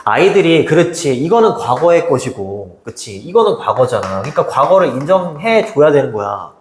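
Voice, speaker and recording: A man teaching an English lesson to high school students in a chatty way, often checking in with them. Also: moderate pace, echoey room. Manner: lively, chatty, keeps asking students "right?".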